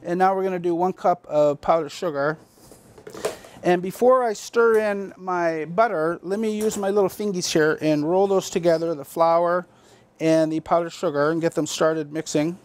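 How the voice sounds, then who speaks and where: A man's voice: high-pitched, moderate pace, darkish tone. A middle-aged man hosting a homey cooking show, chatting folksily to the viewers while he bakes in a basement kitchen. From Massachusetts, US. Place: basement kitchen of a town hall.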